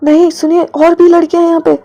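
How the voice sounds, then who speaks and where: A woman's voice: very high voice, level tone, fast, mellow, muffled recording, voice pushed up. A woman voicing a brave young male commando who speaks urgently and pleads with his partner.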